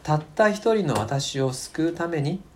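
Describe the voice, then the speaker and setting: Man preaching with lively, swinging pitch. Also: measured pace, slight background noise. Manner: emphatic, repeating key phrases, dropping to soft near-whispers. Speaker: pastor. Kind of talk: sermon with scripture reading. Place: church service.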